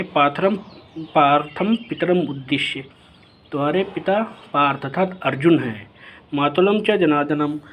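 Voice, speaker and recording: A man with a fairly high voice teaches a class by reading a classical text aloud line by line. He follows each line with a plain explanation, and his voice rises when he reads out a character's words. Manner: reads each Sanskrit line, then paraphrases it. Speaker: Sanskrit teacher.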